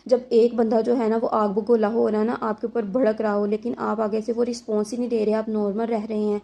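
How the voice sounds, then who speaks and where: A woman talks straight to her viewers, giving relationship advice. Her voice is fairly high with a gravelly edge. She explains with examples and asks rhetorical questions. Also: little pitch movement, warm tone. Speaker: advice channel host.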